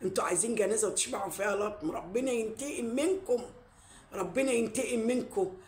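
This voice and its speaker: A woman's voice: fairly high pitch, quick pace. A woman with an Egyptian Arabic accent delivering an angry, repetitive ranting monologue full of curses and invocations. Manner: repetitive, cursing, shouting. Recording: echoey room with faint background noise.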